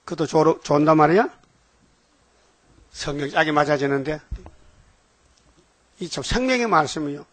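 A man's voice: on the high side, a bit bright, no room sound. An older man preaching a folksy sermon, telling homely stories and often asking the congregation "eh?" for agreement.

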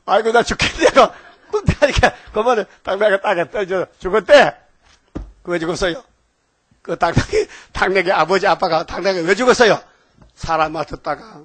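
A man's voice: sits high, fairly bright tone, no echo. An older man preaching a folksy sermon, telling homely stories and often asking the congregation "eh?" for agreement.

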